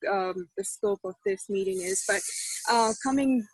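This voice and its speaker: A woman's voice: mid-range voice, a little slow, breathy edge, no echo, rough recording. A woman joining a group discussion over a video call, hesitant and full of fillers, her audio cutting in and out so the volume rises and drops. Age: young adult or middle-aged. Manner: hesitant, many fillers and restarts. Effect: uneven volume, audio cutting in and out. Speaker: panel participant.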